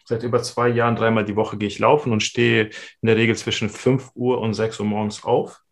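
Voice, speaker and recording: A man talking as a podcast guest, animated and quick in bursts, in casual conversation. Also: lowish voice.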